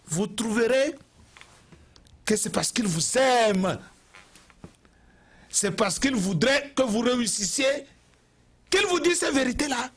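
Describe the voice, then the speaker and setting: A man's voice: sits high, a bit bright, breathy edge. A man from Togo, giving an impassioned TV address and repeating phrases for emphasis. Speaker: TV commentator.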